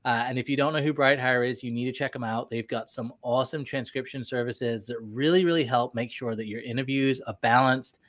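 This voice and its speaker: A man's voice: mid-range voice, steady tone, a little fast, few pauses, fairly bright tone, no echo. A man hosting a live recruiting podcast, upbeat and promotional, a bit nasal from a cold. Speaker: podcast host. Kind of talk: live show chat.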